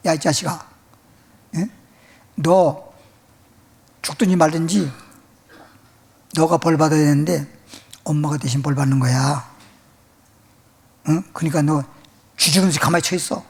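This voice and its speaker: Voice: medium pitch, steady tone, measured pace, long pauses, husky. A preacher voicing a harsh, old-fashioned father who scolds his family. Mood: scolding. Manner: curt and scolding.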